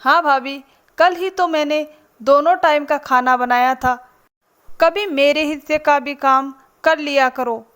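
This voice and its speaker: A woman's voice: sits high, measured pace, a bit bright. A woman voicing a petulant, complaining young daughter-in-law in a spoken storybook. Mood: grumbling. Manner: grumbling, sulky.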